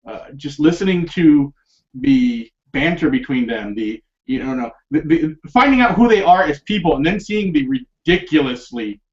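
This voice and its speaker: Rambling higher-voiced man on a podcast. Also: animated, moderate pace, a little mellow. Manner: rambling, many fillers and restarts, laughs often. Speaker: podcast host. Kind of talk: casual film discussion. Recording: dull lo-fi podcast recording.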